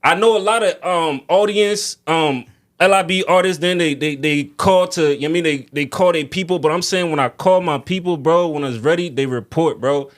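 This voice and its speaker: A music artist appearing as a guest, this man talks in a notably high register at normal speed. His casual, slangy speech sounds like venting with friends on a show, and he drives points home with short repeated phrases.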